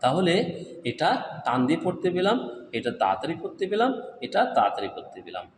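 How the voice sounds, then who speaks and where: A man's voice: a little high, sing-song, quick pace, a little hiss or hum. A man teaching Quran letter reading, asking questions and answering them himself, drawing out the syllables in a sung way. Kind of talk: step-by-step recitation lesson. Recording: echoey room with long reverb.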